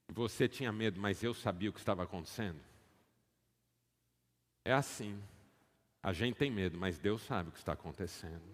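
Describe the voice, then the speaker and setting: A man with a Brazilian Portuguese accent preaching a sermon as pastor, telling stories dramatically and calling on the congregation to respond. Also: fairly low pitch. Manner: dramatic storytelling, rising to loud emphatic peaks; calls for audience responses. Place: church auditorium. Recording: long hall reverb.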